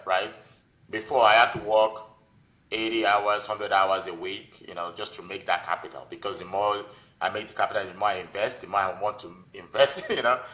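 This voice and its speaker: Bright and forceful, yet lowish in pitch, this voice belongs to a physician and investor in his forties with a Nigerian accent. As a podcast guest, he shares his personal story in a relaxed, conversational interview.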